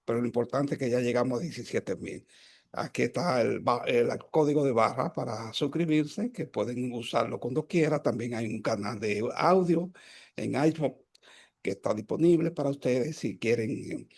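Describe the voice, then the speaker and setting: A man's voice: medium pitch, normal speed, vocal fry, slightly rough. A man hosting a health program over a video call, making long announcements with many fillers and self-corrections. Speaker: host.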